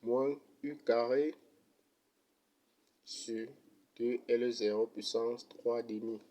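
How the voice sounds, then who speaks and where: Slow, flat-voiced man teaching math. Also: mid-range voice. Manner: slow, methodical, even delivery. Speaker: economics teacher. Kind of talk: step-by-step math lesson.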